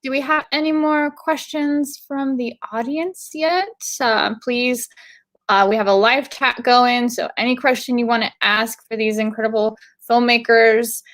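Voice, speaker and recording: A woman originally from Bulgaria moderates a filmmaker Q&A with a slightly high voice. She talks hesitantly, filling pauses with ums and uhs. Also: fairly even intonation, fairly bright tone. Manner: hesitant, many fillers. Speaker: festival Q&A moderator.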